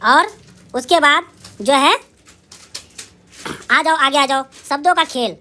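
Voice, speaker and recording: In a recorded class for young children, a high-pitched primary school teacher keeps things lively: she answers her own questions, sounds out syllables at a slow pace, and offers upbeat praise.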